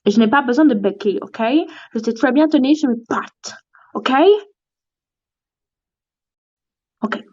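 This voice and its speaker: A woman's voice: fairly high pitch, normal speed, a little mellow, slightly rough, muffled recording. A woman voicing an ancient, indignant female tortoise in a toy role-play on a livestream. She huffs and demands respect. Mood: huffy. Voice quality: huffy and pompous, keeps demanding respect.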